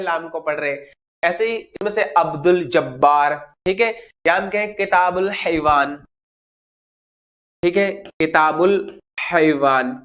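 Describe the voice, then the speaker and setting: High-voiced male teacher, question-and-answer grammar lesson, noisy recording. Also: fairly bright tone. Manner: asks questions then answers them himself; slows down to spell out example words.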